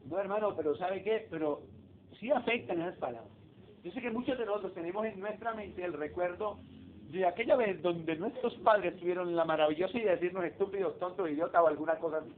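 A man preaches in a very high voice, talking with his congregation rather than at them and firing off rhetorical questions. The recording is thin and phone-like, with a faint hiss underneath. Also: fast talker. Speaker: pastor. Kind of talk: sermon.

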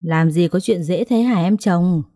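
A woman's voice: lowish voice, measured pace, dark tone, no echo, clean studio sound. A woman voicing a cruel, scheming sister-in-law who talks in a harsh, contemptuous, threatening way. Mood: menacing.

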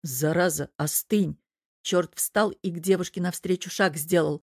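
A woman reading a story aloud in a steady, even manner as an audiobook narrator. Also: lowish voice, moderate pace, no room sound, studio quality. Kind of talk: scripted narration.

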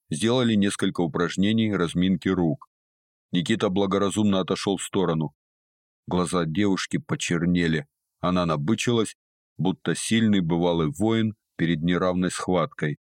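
A man with a very deep, low voice narrates a story in a steady, even manner. The recording is close and dry, with no room echo at all. He reads as a practised audiobook narrator. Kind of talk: scripted narration.

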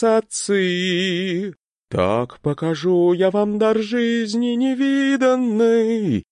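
A man doing a high chanting fox bard. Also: a little mellow, clean tone, dry recording, clean studio sound, exaggerated voice. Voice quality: pleasant, chanting in a slow sing-song. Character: tall male fox bard, grand and boastful.

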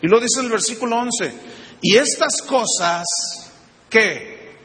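High, bright-voiced preacher in a reverberant hall. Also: male voice, takes it slowly. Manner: animated preaching, rhetorical questions to the congregation. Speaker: pastor. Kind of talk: sermon. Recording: long reverb of a large hall.

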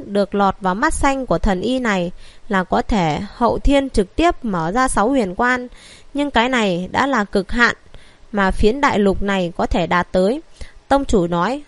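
Sex: woman. Role: audiobook narrator. Style: scripted narration, even and steady. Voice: fairly high. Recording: dry, close. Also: normal speed, no echo.

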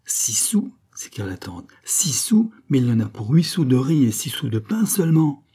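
A man's voice: medium pitch, lively intonation, a little fast, warm tone, husky. A man reading a novel aloud, voicing a stingy old aunt sputtering with outrage. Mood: outraged.

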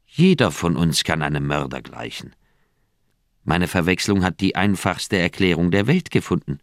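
An actor playing a flustered doctor in a radio play, fretful and exasperated. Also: male voice, low-pitched, expressive, moderate pace, dry recording, clean studio sound. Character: anxious middle-aged male doctor, flustered friend.

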